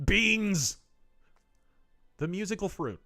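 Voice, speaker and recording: An American man hosting a game livestream with casual, emphatic, joking and excitable commentary. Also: sits high, takes it slowly, faint music behind.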